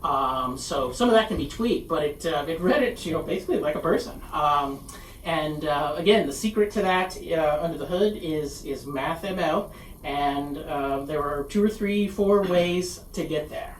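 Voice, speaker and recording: A presenter giving a casual conference presentation, halting and self-deprecating, recorded in a presentation room. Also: medium pitch. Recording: echoey room, distant mic, faint noise.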